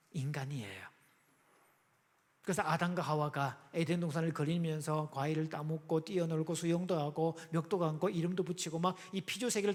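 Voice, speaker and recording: High-voiced man lecturing in a big hall. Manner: asks the audience questions and acts out quotes with dialect jokes. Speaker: pastor and psychology lecturer. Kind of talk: lively seminar talk to parents. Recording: long reverb of a large hall.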